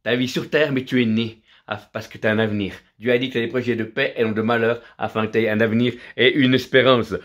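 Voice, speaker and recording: A man's voice: mid-range voice, fairly even intonation, fast talker, a bit bright. A middle-aged man, from Vietnam, preaching a fervent sermon full of repetition and alleluias.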